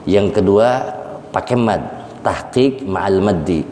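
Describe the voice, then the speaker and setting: A man teaching a Quran exegesis lesson, slowly repeating and drawing out recitations for his students. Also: low-pitched, warm tone, slight background noise. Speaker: Islamic teacher. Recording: echoey hall, faint ambience.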